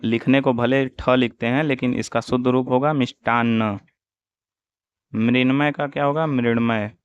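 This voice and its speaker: A man teaching Hindi spelling for an exam, slowly reciting wrong and correct forms one after another. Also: medium pitch, smooth, no room sound. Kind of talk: exam-prep spelling lesson. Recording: dull, dry lo-fi audio.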